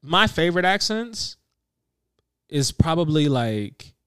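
Man with a smooth, lively voice. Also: a little high, takes it slowly, no room sound, studio quality. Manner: animated, profane storytelling. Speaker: podcast co-host. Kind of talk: casual chat.

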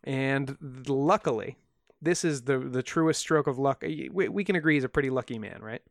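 A podcast co-host recounts a strange tale in a wry, joking way, using plenty of fillers. His medium-pitched voice moves at a normal speed, and the studio sound is clean with no echo.

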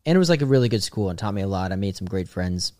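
A man's voice: sits low, lively intonation, rapid-fire, darkish tone, no echo. A young man from the Boston suburbs, a guest telling stories in a rambling, filler-heavy casual chat. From Boston suburbs, USA. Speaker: guest, comedian.

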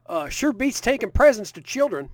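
A man puts on a boisterous old Santa Claus with a thick Southern US drawl. His voice sits high and carries a folksy, bragging crudeness. The sound is close and dry, with no room around it. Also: dry recording. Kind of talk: improvised comedy character bit.

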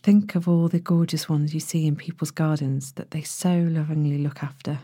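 Woman, sleep story narrator, mellow and low-toned, gentle hushed delivery, long pauses. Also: steady tone, husky, no room sound, studio quality. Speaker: podcast host, sleep meditation narrator. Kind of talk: soothing sleep story narration, guided relaxation.

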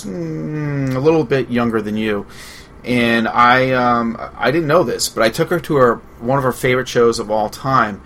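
A man's voice: medium pitch, pushed and bright, a little hiss or hum. A man co-hosting a radio show, casually telling a rambling story full of fillers and swearing.

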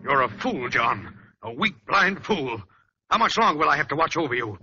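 An actor playing a stern, wealthy older father with a husky voice, scolding in a 1930s radio drama style. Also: on the high side, big pitch swings, moderate pace, bright, forceful tone, faint music behind, exaggerated voice. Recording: dull lo-fi old radio recording.

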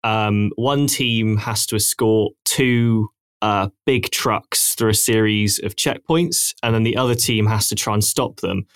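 A man's voice: fairly low pitch, a little slow, dry recording, studio quality. A young man hosting a casual podcast chat, laid-back and hesitant with many ums. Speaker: podcast host.

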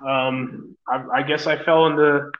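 A man's voice: fairly high pitch, little pitch movement, measured pace, slight background noise. A man from New York, an EMS medic talking in a casual interview, rambling with lots of fillers, swearing, and calling the listener "man". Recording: dull lo-fi recording.

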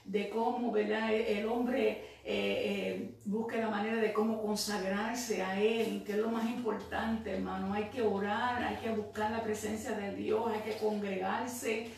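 A woman's voice: mid-range voice, steady tone, unhurried, vocal fry, few pauses, a little mellow. Fervent woman testifying in church. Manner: fervent, breaks into praise, frequent "right?" fillers. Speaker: church member giving testimony. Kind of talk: spoken religious testimony. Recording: very echoey, distant mic, faint noise.

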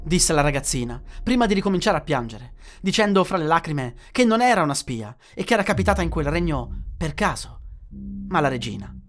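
A storyteller reading a scripted horror tale in a measured, dramatic way. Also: mid-range voice, big pitch swings.

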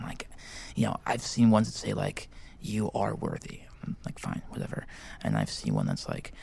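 A man's voice: on the low side, vocal fry, slightly rough, full character voice. A man playing a whispering teen podcaster. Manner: whispering, rambling with many fillers. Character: awkward eager teenage boy student podcaster. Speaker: podcast host. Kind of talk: scripted comedy podcast. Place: school library. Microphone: handheld microphone.

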